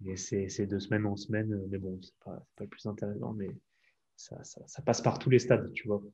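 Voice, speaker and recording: Low-voiced and mellow, this man speaks fairly quickly with fairly even intonation, and the audio sounds dull. He's a French fitness podcast host whose casual interview questions run long and ramble with fillers.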